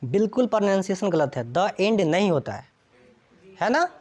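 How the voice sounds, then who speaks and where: A woman's voice: mid-range voice, very animated, moderate pace, darkish tone. A woman teaching English grammar to a classroom, constantly checking whether students follow.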